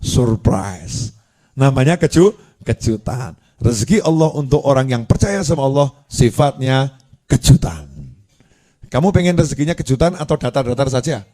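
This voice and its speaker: A man's voice: medium pitch, expressive, moderate pace, warm tone. A man gives a playful sermon, quizzing his listeners and acting out little scenes. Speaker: preacher.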